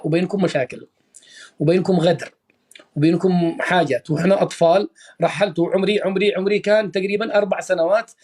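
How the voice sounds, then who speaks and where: A man hosting a live stream, calming an angry caller and then lecturing him in an emphatic way. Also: a little high, slightly rough.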